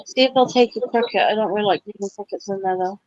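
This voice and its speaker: A woman chatting casually, making quick practical asides. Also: medium pitch, noisy background. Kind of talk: casual chat. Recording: dull lo-fi audio.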